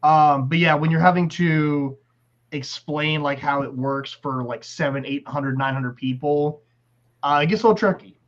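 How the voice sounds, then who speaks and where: A man's voice: fairly high pitch, normal speed. A man chatting as a guest, easygoing and laughing often. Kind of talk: casual chat. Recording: dull lo-fi audio.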